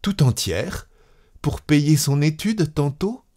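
A man's voice: on the high side, animated, slow pace, dark tone, pitched above the performer's own voice. A man voicing a frightened young bride, tearful and pleading, in a raised, trembling voice. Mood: distraught.

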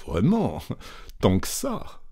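A composed, courteous company director, read by a male narrator, speaks in a sonorous, lively-pitched voice. He takes his time over every word. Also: slow, breathy edge, heavily acted. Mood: polite.

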